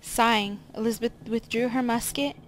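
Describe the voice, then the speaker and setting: A woman reading a scripted serial story aloud in a measured, slow, dramatic storytelling manner, with faint music behind her. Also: a little high, steady tone, noisy background. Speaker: narrator.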